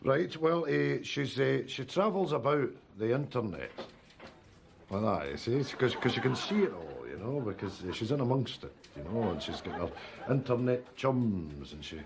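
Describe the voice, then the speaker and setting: An actor playing a bumbling old cartoonist who rambles with many hesitations and restarts in a sketch comedy. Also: male voice, medium pitch, expressive, moderate pace, gravelly. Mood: rambling. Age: older.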